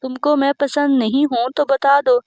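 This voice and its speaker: Kind calm young guy in a story, reasonable tone, dry sound, read by a woman. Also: high-pitched, moderate pace, no echo, close to an everyday voice.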